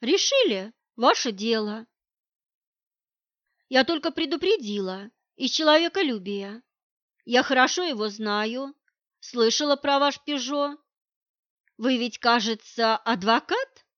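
A woman's voice: on the high side, lively intonation, slow pace, pauses often, a bit bright, no room sound, highs cut off. Woman reading as a cold, scornful wife. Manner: curt, dismissive, talks down. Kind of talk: audiobook reading.

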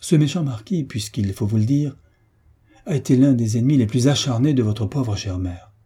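Pious schemer, older woman, unctuous and sighing, voiced by a man with a dark, husky tone. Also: mid-range voice, lively intonation, moderate pace. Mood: sanctimonious.

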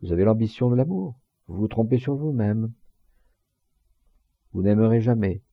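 A man voicing a heartbroken young German girl who reproaches her lover in a slow, soft-spoken reading. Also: on the low side, lively intonation, dry recording, narrow, tinny audio. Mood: sorrowful.

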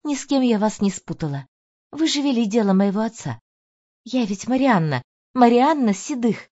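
A woman's voice: a little high, expressive, normal speed, mellow, pitched above the performer's own voice. Woman reading as an eager, earnest young woman. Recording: dull lo-fi audio.

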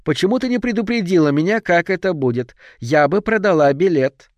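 A shrill, high, panicky society lady, put on by a male narrator, shrieking in a storybook reading. The voice is pitched far above his own and pushed loud. The recording is close and dry, with no room sound. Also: animated, brisk, no room sound, muffled recording. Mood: indignant. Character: hysterical stout elderly society lady hostess.

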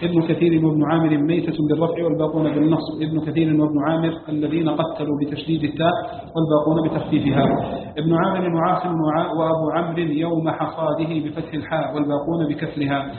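Man reading a text at racing speed. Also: fairly high pitch. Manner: fast, flat, listing readings one after another. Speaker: student reading a text aloud. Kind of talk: rapid recitation of a classical text. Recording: tinny, echoey hall recording with hiss.

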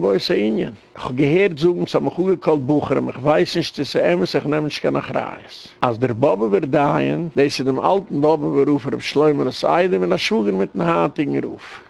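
A man's voice: a little high, dry recording. A man speaking with a Yiddish accent, giving an impassioned, rambling lecture as a rabbi. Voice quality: gravelly. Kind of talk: spoken lecture.

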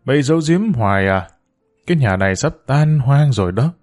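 A man's voice: mid-range voice, animated, fairly quick, faint music behind, close to an everyday voice. A man voicing an angry middle-aged mother who scolds her children about her husband's affair. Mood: scolding. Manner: sharp, scolding.

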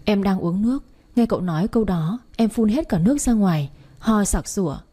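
Chatty woman storyteller, warm low-brightness voice, slightly breathy; talks to listeners directly. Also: lively intonation, fairly quick. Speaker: story narrator. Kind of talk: first-person romance story reading.

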